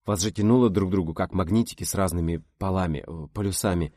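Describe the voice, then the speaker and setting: A man voicing a bold, blunt, energetic young woman in an audiobook reading. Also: sits low, fast talker, no room sound, clean studio sound. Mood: brash. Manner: snappy, bold, mocking. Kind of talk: audiobook character voice.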